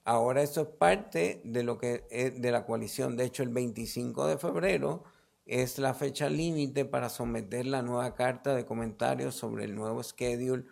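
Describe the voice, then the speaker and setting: A male health official with a Puerto Rican accent answers questions at a press briefing in an explanatory way. His creaky, mid-range voice has a darkish tone, and he speaks haltingly, restarting and repeating words mid-sentence.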